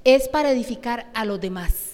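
A woman's voice: on the high side, expressive, brisk, a little mellow, big-room sound. A woman preaching a sermon, emphatic and asking the congregation questions.

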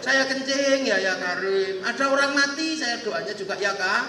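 A man's voice: very high-pitched, normal speed, noisy background. A preacher voicing a simple pleading village man. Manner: pleading, earnest, repeats a single plea. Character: simple, fiery-tempered village man pilgrim. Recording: echoey hall, distant mic.

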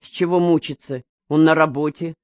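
A woman reading an audiobook, voicing an old village mother who speaks softly and resignedly. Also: deep voice, fairly even intonation, normal speed, no echo, natural voice. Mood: worried. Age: older.

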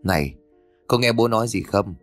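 A man voicing a remorseful middle-aged father, low and earnest, close to his own voice. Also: animated, moderate pace, faint music behind, natural voice. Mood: gruff kind.

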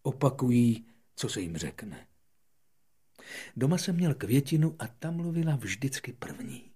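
A lonely little prince from a storybook speaks in an earnest, wondering tone. The voice stays close to the reader's own, slightly husky, as a man voices the boy. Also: mid-range voice, very animated, mellow. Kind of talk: audiobook reading.

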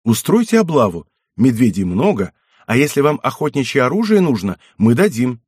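Teen country girl, frank and playful, husky lift, read by a man. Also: mid-range voice, very animated, moderate pace, darkish tone, no echo, studio quality. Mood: earnest. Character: shy lively teenage peasant girl.

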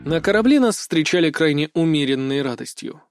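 A man narrating a fantasy audiobook in an even storytelling manner. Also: on the high side, fairly quick, soft background music.

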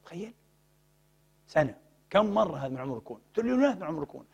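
A man's voice: on the high side, big pitch swings, very fast, creaky, a little mellow, breathy edge. A man giving a religious science lecture, asking rhetorical questions and prompting the audience to fill in words.

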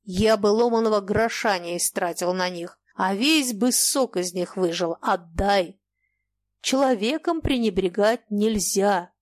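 A woman voicing a cantankerous old merchant who lectures sarcastically and turns shrill when angry. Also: a little slow, no echo, natural voice. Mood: scornful lecturing. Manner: scolding, sarcastic, turning shrill when enraged. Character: cantankerous old merchant man, sly, quick to rage.

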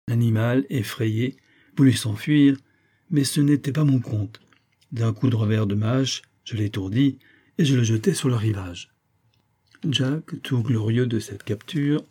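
A man reading a classic adventure novel aloud as first-person narrator, steady storytelling. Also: mid-range voice. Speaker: audiobook narrator.

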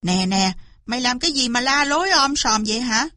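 A woman voicing a gruff, impatient older male farmer in a storybook reading. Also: on the high side, lively intonation, a little fast, sharp tone, dry recording, studio quality. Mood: grumbling. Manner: blunt, grumbling.

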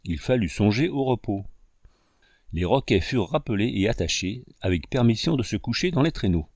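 A man narrating an audiobook in a measured storytelling manner. His voice sits low, and the dry, close recording has almost no room sound. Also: animated, a little mellow, no room sound. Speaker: audiobook reader. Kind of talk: scripted narration.

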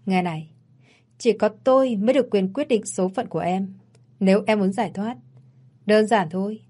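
A woman's voice: medium pitch, normal speed, mellow, close to an everyday voice. A woman voicing a cold, cocky rich man in glasses, mocking and domineering, in a read-aloud story.

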